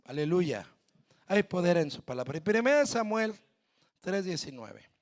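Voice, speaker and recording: A male pastor with a Mexican Spanish accent preaching a sermon, speaking straight to the congregation and building to shouted peaks. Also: high voice, very animated, normal speed. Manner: preaching with shouted climaxes and direct address to the congregation.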